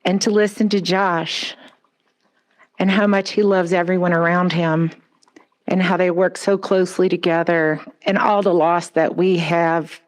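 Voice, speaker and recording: A woman speaks at an outdoor pet memorial in a slow, unhurried way. Her tone is gentle and consoling, with soft pauses as she addresses the mourners. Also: on the low side.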